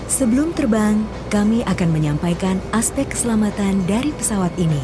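A woman's voice: mid-range voice, animated, a little fast. Woman making a plane cabin announcement over music. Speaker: flight attendant.

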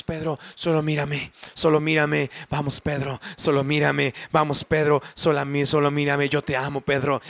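A man voicing Jesus as a tender, loving grown man who softly coaxes a friend with repeated gentle pleas. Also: a little high, dry recording. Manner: soft repeated coaxing pleas.

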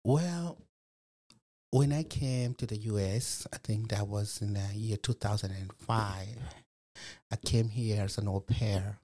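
A man's voice: lowish voice, slow, dark tone. A man, telling his life story in an interview, reflective and full of fillers. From Malawi. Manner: reflective, many fillers like "you know". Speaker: program resident guest. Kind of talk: personal testimony interview.

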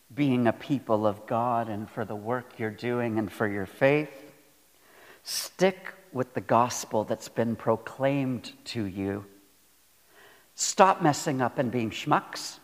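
Preaching in a space with long hall reverb, a male pastor speaks in a mid-range voice. His sermon is earnest and deliberate, with phrases repeated for emphasis.

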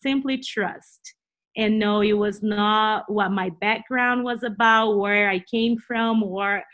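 Speaking slowly in a medium-pitched, steady and somewhat bright voice, a Bible teacher from Brazil shares personal stories as an interview guest. She's a native Portuguese speaker with a Brazilian accent, expressive in her telling and prone to repeating herself in this conversational interview.

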